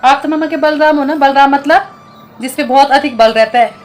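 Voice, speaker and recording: A woman in her thirties with a high voice, coaxing and soothing her child in a casual home vlog. She talks softly and patiently, and faint music plays behind her. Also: fairly quick. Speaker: vlogger, mother. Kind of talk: casual family vlog talk.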